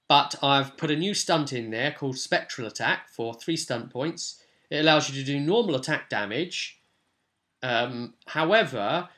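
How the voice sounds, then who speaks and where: A British man with a mid-range, sharp-toned voice serves as game master for a tabletop role-playing session, giving casual, unscripted commentary in a rambling, colloquial way.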